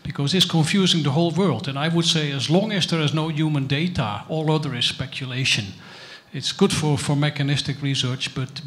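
Earnest man pressing a point from the floor. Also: mid-range voice. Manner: earnest, insistent. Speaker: audience member at a conference. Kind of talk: question from the floor. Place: large conference hall. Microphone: handheld mic.

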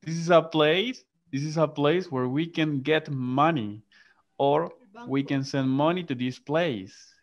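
Slow, patient man teaching English online. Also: fairly high pitch. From Latin America. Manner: patient, repeats and drills words aloud. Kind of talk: online English class, mixing Spanish and English. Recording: muffled online class audio.

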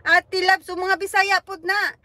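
A woman's voice: very high-pitched, flat delivery, a little slow, sharp tone. A woman hosting a livestream, chatting casually, teasing viewers and giggling as she reads their comments aloud. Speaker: livestream host.

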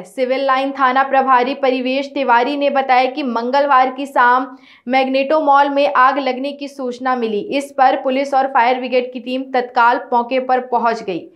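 A young woman news anchor with a high voice reads a scripted report from a studio in a steady, formal manner.

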